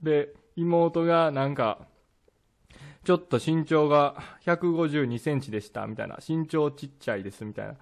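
A man with a Kansai accent, co-hosting a casual podcast, telling a story with animated delivery and playful engine-revving sounds. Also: on the high side, normal speed, creaky. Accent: Kansai Japanese. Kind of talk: casual chat. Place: podcast recording.

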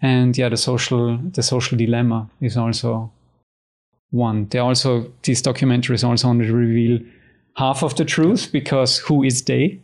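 A man from Austria speaking as an interview guest, conversational and halting, often rephrasing as he goes. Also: medium pitch, steady tone.

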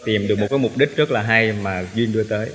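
A man's voice: lowish voice, fast, crowd noise. A man, a singer guest, talking in an earnest, chatty way and stopping to correct his own word choice. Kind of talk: casual chat. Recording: roomy with long hall reverb.

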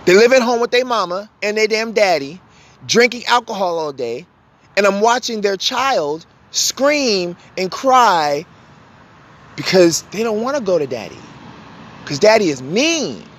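A podcast host with a high-pitched, animated, slightly bright voice delivers a fiery, blunt and profane monologue at an unhurried pace. He's emphatic, hammering points home by repeating them.

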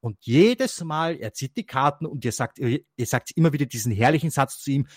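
A man's voice: mid-range voice, fast, breathy edge, no room sound, studio quality. A man chatting casually about a card game on a podcast, rambling with many restarts and fillers and laughing often. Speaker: co-host.

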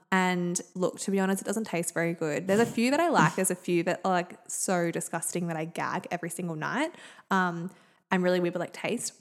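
Young woman podcast host, low-ish voice, super chatty with lots of likes. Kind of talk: casual chat.

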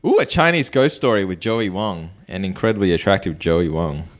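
A man's voice: sits low, fairly quick. A man co-hosting a podcast, reading out film trivia with hesitant fillers. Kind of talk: casual chat.

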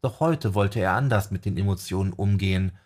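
A male narrator reads a fantasy audiobook in a calm, measured way. His voice is low and husky, with a breathy grain. The pacing stays steady and unhurried.

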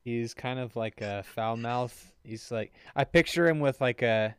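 A man's voice: mid-range voice, unhurried, clear, resonant tone, no echo, studio quality. A man playing a tabletop game with friends, laughing often, swearing, rambling. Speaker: player. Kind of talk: casual tabletop game chat.

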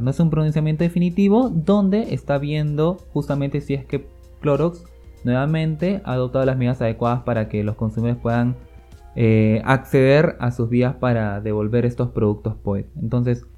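Peruvian male legal expert, mellow voice, methodical delivery over faint background music. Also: mid-range voice, muffled recording. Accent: Peruvian Spanish. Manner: measured, methodical, ends points with a tag question. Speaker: consumer-law specialist. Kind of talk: explanatory expert commentary.

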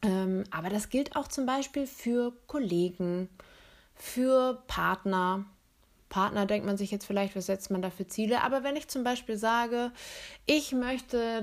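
A woman hosting a podcast, explaining ideas in a clear, steady way and speaking directly to her listeners. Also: mid-range voice. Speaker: podcast host.

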